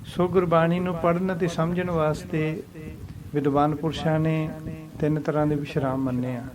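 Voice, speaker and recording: A man with a Punjabi accent teaching the correct recitation and meaning of scripture, speaking slowly and deliberately and adding English glosses. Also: a little high. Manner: slow and deliberate, chants scripture lines, mixes in English glosses. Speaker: Gurbani teacher. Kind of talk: slow religious lesson on recitation.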